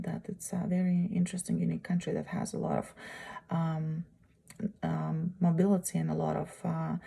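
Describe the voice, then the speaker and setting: This woman from Uzbekistan, whose first language is Russian, has a husky, low, dark-toned voice. She is a student giving an unscripted spoken presentation of a course project, halting and searching for words with frequent pauses.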